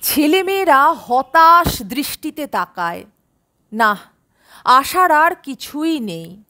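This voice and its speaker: A woman narrating a detective audio story in expressive, scripted storytelling. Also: high voice, slow.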